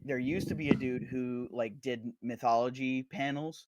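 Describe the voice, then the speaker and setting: A man's voice: mid-range voice, steady tone, moderate pace, dull audio, noisy background. A young man co-hosting a podcast, rambling through stories with crude humor. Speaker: podcast co-host. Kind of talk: casual chat.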